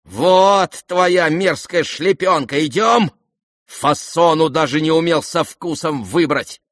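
A man voicing an irascible aristocratic older woman who scolds and shouts imperiously in an audiobook. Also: on the high side, takes it slowly, no room sound, studio quality, pitched above the performer's own voice. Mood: agitated. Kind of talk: audiobook character voice.

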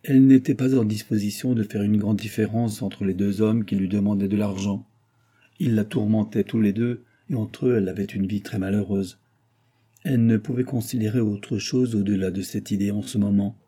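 A man reading a novel aloud in a measured, even storytelling manner. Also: lowish voice, slightly rough. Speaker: audiobook narrator.

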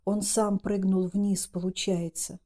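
A woman voicing a timid young mistress who speaks quietly, almost in a whisper. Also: mid-range voice, flat delivery, measured pace, lightly acted. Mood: hushed.

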